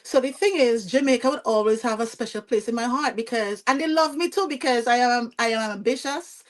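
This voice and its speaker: Chatty Vincentian woman, fairly high voice. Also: fairly quick. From Saint Vincent and the Grenadines. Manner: lively, chatty, often asks "you see what I'm saying?". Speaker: podcast guest. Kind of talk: conversational storytelling interview.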